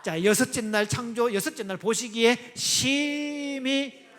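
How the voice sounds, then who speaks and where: A man, a pastor and psychology lecturer, giving a lively seminar talk to parents, asking the audience questions and acting out quotes. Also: high voice, brisk, faint music behind. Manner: asks the audience questions and acts out quotes with dialect jokes. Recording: long reverb of a large hall.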